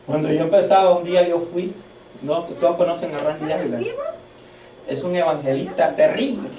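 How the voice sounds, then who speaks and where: A man preaching a sermon as pastor, fervent, swinging between loud shouts and hushed storytelling. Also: on the high side, fairly even intonation, moderate pace, noisy background. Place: church. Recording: echoey church hall, mic at a distance.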